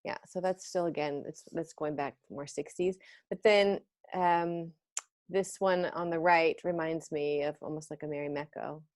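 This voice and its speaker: Woman in her fifties, host, rambling fashion chat over a video call, voice sits a bit low. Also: steady tone, normal speed, a little mellow. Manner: chatty and rambling, trails off mid-sentence.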